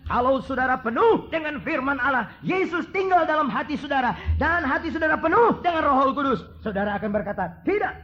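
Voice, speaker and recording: A middle-aged man preaching a sermon, moving from hushed storytelling to fervent, repetitive emphasis. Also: very high-pitched, expressive, brisk, muffled recording.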